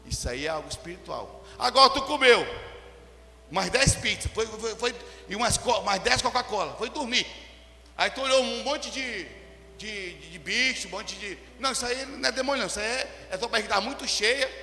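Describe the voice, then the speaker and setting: A pastor preaching a sermon, swinging between loud emphatic passages and quiet asides. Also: male voice, high voice, expressive, normal speed, a little hiss or hum. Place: church hall. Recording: echoey hall with long reverb.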